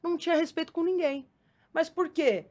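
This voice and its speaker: A woman who gives lectures in schools, speaking as a podcast guest in casual conversation and telling stories in a lively, slangy way. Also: extremely high pitch, normal speed. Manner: lively, slangy storytelling with acted-out quotes.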